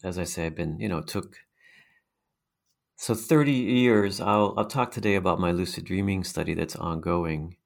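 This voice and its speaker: A man's voice: low voice, normal speed, creaky. A middle-aged man with a hypnotic, mesmerizing voice, answering interview questions conversationally as a guest researcher.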